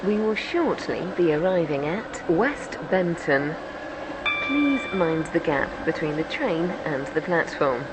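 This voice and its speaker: Casting: woman playing formal train announcer for a game, lower register, slow scripted station announcements, train rumble behind. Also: sing-song, exaggerated voice. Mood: measured, formal. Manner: measured, formal public-announcement delivery. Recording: clear train rumble noise. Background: train vehicle ambience in a simulator game.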